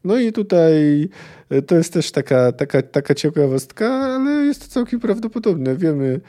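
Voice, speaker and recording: Brief: male podcast host, casual book chat, halting with fillers, soft dark tone. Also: fairly high pitch, sing-song. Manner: hesitant, many fillers and restarts.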